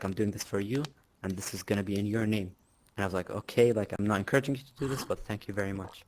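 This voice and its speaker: A man's voice: on the low side, slight background noise. A man answering interview questions in a casual, boastful way, with filler words and laughs. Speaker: interviewee, clan leader.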